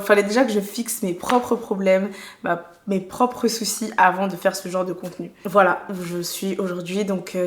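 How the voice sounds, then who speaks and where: A young woman from France chatting casually to camera as a vlogger, slangy and full of restarts. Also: medium pitch. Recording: echoey room.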